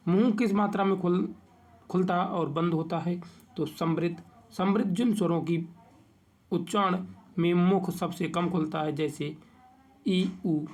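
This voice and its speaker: Guy teaching exam grammar, bit high voice, drags out each vowel slow. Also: darkish tone. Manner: reads definitions, stretches out listed vowel sounds slowly. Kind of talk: exam-prep grammar lesson.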